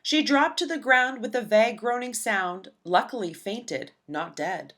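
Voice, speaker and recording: A woman narrating a rhyming children's storybook aloud in an expressive, rhythmic, dramatic way. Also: on the high side, measured pace. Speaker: storybook reader.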